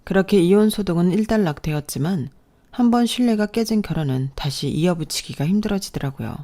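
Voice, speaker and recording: A woman narrating a first-person family story in a calm, scripted manner. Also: fairly low pitch, brisk.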